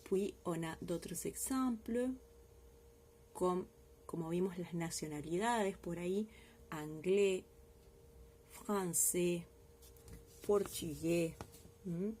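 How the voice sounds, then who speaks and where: A woman's voice: lowish voice, drawn-out words, pauses often, warm tone, slight background noise. A woman teacher giving a recorded language lesson, explaining patiently step by step and often checking in with her class. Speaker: French teacher.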